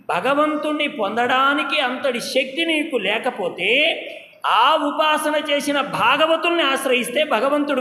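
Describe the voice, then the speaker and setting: A man's voice: very high-pitched, bright, forceful tone, slight background noise. A man giving a devotional discourse, telling stories and asking the audience questions. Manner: storytelling, asks the audience questions. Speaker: religious speaker. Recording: echoey hall with faint ambience.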